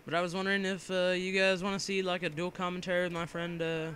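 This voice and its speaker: A young man giving a casual, rambling voice-over commentary on his own gameplay, joking and filling pauses with "uh" and "yeah" while fighting a cough. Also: high voice, completely flat delivery, bright, forceful tone, slight background noise. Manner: rambling, joking, filler-heavy. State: coughing from a cold.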